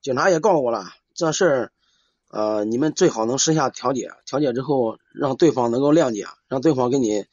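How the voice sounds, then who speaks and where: A man calling in for advice, chatting casually in a hesitant, halting way and repeating himself. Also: mid-range voice, a little mellow, no room sound. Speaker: caller seeking advice. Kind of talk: casual chat. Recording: dull lo-fi live call.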